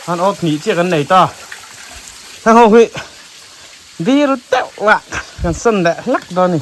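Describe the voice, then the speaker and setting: Mid-pitched voice, casual outdoor chatter, noisy recording, water and sizzling behind. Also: animated, moderate pace. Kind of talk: casual chat while out in the field.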